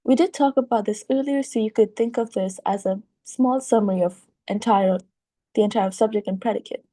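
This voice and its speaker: A woman's voice: medium pitch, a little fast, mellow, no echo. A woman explaining grammar to children in a friendly, informal way. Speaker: teacher. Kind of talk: casual explanation for kids.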